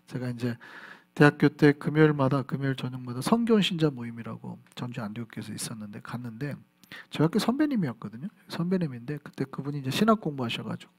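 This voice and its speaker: A man from South Korea, a pastor preaching an animated sermon at a Friday prayer service in church. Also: mid-range voice, fast talker. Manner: animated preaching, acts out voices and reactions. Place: church sanctuary.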